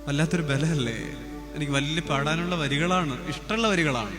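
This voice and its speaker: A priest preaching a sermon slowly and emphatically, breaking into sung hymn lines. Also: male voice, on the high side, in a large hall, over music.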